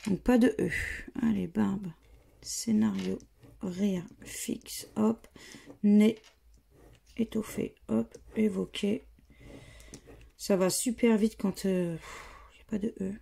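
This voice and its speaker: Scratching lottery tickets for her vlog, a woman with a French accent reads each letter aloud in a slow, casual murmur. Her medium-pitched voice is warm, with fairly even intonation, vocal fry, and a breathy edge.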